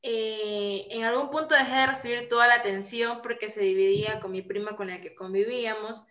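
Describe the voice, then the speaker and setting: Lively young woman, echoey lo-fi call. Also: fairly high pitch, a little fast. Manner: animated storyteller, many fillers. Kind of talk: casual chat. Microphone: video call.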